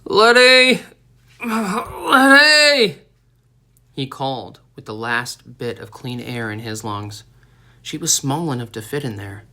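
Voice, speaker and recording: A male audiobook narrator reads a tense story in a steady, dramatic way. His voice sits at an ordinary middle pitch. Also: moderate pace. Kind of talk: scripted narration.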